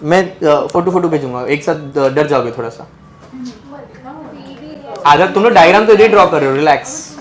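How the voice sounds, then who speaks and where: A man's voice: a little high, expressive, moderate pace, pauses often. A young man teaching biology to a class, teasing his students and mixing English terms into his Hindi. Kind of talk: joking classroom lecture. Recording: noisy classroom crowd.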